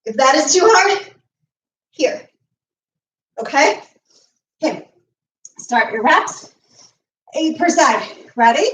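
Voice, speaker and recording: A high-voiced woman coaches a home workout while doing the moves herself, short of breath as she counts off reps. She sounds a little far from the mic, in an echoey room. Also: very animated, takes it slowly, long pauses, a bit bright. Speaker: fitness coach. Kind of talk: live home workout instruction.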